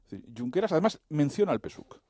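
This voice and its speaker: A man on a radio panel, telling anecdotes rapidly. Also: on the high side, sing-song, mellow, no echo, studio quality. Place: radio studio. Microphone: studio microphone.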